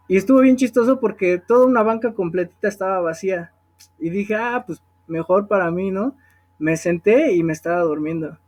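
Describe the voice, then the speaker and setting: A man's voice: sits high, a little mellow. A young man with a Mexican accent telling a personal testimony in a conversational way, often checking in with his listeners. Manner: conversational storytelling, often asks the audience "¿no?".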